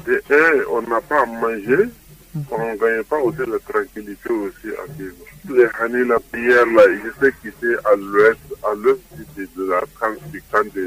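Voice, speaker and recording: A man, his voice altered by a voice changer, speaking haltingly as an eyewitness on a phone call. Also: on the low side, pushed and bright, recorded from a distance. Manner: halting, hesitant, with repeated fillers and restarts. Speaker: eyewitness resident interviewed by phone.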